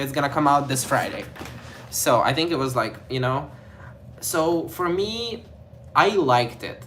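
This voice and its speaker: Speaking in a mid-range voice with a bright, forceful tone, this young man from Ukraine chats to camera for his vlog in a Ukrainian accent. He rambles, leaning on fillers like "like" and "you know," over a faint hiss or hum.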